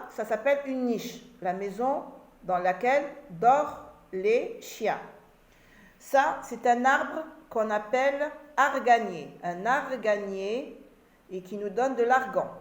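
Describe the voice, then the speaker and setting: A woman's voice: fairly high pitch, lively intonation, takes it slowly. A woman teacher giving a reading lesson to children, sounding out words syllable by syllable and repeating them patiently. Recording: echoey room.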